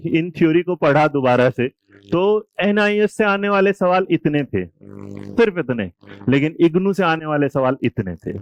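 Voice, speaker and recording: Male teacher, from India, live classroom lecture; teasing, quizzing manner; smooth, slightly high voice. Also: dry recording. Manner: lively, quizzes and teases students.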